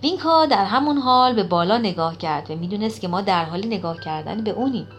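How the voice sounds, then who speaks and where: A woman reading an audiobook in an expressive storytelling manner. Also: mid-range voice, soft background music. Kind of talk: audiobook narration.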